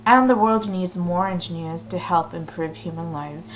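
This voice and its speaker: Woman, 30s, lower voice, clear explanatory tone, scripted talk for students. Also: normal speed. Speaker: mechanical engineer.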